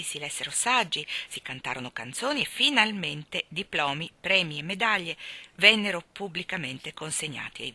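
A woman reading a novel aloud, narrating steadily and lifting her voice for the dialogue. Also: on the low side. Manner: expressive, voices the dialogue with rising excitement. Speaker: reader.

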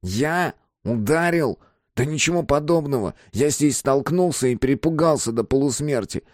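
A man's voice: mid-range voice, moderate pace, no room sound, voice pushed up, close to an everyday voice. A scruffy homeless man, meek and self-pitying, speaks in a nasal, thin voice set above the reader's own, as a male narrator voices him. It is a storybook telling, dry and close. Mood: protesting. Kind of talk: audiobook character voice.

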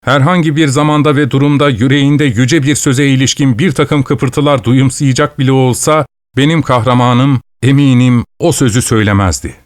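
A man narrating an audiobook in a measured, literary storytelling manner. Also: mid-range voice, fairly even intonation, dry recording, clean studio sound.

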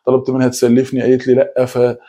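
A man preaching with an Egyptian Arabic accent, talking quickly with frequent restarts and repeated words. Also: medium pitch, animated, vocal fry, mellow, breathy edge. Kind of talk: religious talk.

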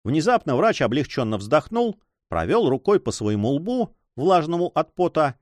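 A man reads a story aloud in an expressive storytelling manner. His pitch rises and falls in lively swings. The recording is dry and close. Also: moderate pace, no room sound. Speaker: audiobook narrator. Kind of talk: scripted narration.

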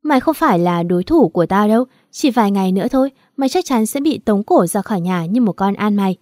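A woman's voice: mid-range voice, animated, fast talker, darkish tone, no echo, clean studio sound, close to an everyday voice. A woman reading a spiteful, mocking rival woman. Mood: gloating. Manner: harsh, mocking. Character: spiteful scheming woman, stepmother-rival, contemptuous.

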